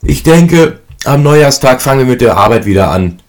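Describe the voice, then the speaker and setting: A man reading a storybook and voicing a cocky young eldest brother who talks loud and brash. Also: lowish voice, lively intonation, moderate pace, pitched above the performer's own voice, close to an everyday voice. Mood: defiant.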